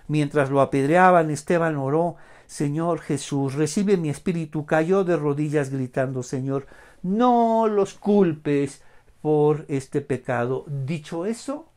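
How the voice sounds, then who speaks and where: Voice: medium pitch, a little mellow. A Bible study teacher giving an online lesson, speaking emphatically, asking rhetorical questions and often using the filler "vamos".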